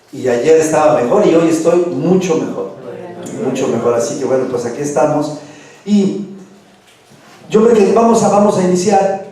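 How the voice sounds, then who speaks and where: A man's voice: on the high side, warm tone, a little hiss or hum. A man with a Mexican accent preaching a sermon in a conversational way, repeating words and asking the audience questions. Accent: Mexican Spanish. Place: church hall. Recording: very echoey church hall, voice far off.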